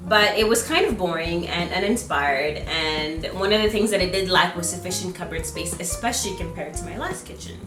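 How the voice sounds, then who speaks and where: A young adult woman talking in a chatty vlogger style, explaining home DIY projects directly to her viewers. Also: fairly low pitch. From lives in Canada. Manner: chatty, instructional, addressing viewers.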